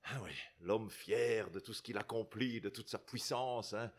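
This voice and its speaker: A middle-aged Belgian guest preacher with a Belgian French accent delivers a chatty sermon to a congregation, often tagging sentences with questions and restarting them. His voice is on the low side, at a measured pace.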